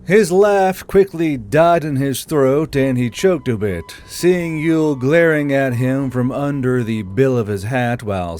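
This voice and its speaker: A man with a medium-pitched, darkish voice narrates scripted fantasy fiction for an audiobook, with background music playing under his voice.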